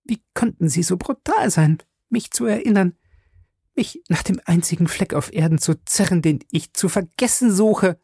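A man reading the part of a proud, wounded young woman who speaks in high, trembling reproaches. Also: lively intonation, normal speed, a little mellow, husky, no echo, clean studio sound. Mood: indignant.

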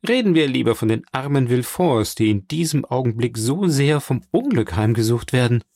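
A man voicing a proud, sharp-tongued middle-aged baroness in an audiobook, brisk and haughty. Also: mid-range voice, animated, no echo, studio quality.

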